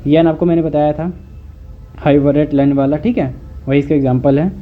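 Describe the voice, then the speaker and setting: A man tutoring online, explaining each term slowly and repeating it, often checking with "okay". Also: fairly high pitch, steady tone. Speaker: Sanskrit tutor. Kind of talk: online lecture. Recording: muffled phone-like audio with faint hiss.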